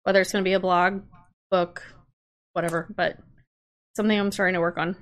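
Earnest woman with a lowish voice. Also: little pitch movement, a little fast. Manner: earnest, explaining. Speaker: podcast guest. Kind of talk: casual chat.

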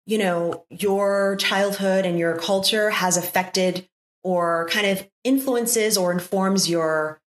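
A woman in her fifties hosting a conversation, speaking warmly and effusively with many fillers. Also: medium pitch, slow pace. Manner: warm and effusive, with lots of fillers. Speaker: podcast host. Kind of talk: casual interview conversation. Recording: echoey room.

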